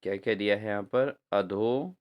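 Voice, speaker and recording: Smooth-voiced teacher drilling spelling. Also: male voice, lowish voice, lo-fi sound. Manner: repeats answers as questions to viewers, addresses them as friends; spells words out slowly syllable by syllable. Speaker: exam-prep teacher. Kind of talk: spelling lesson for exam prep.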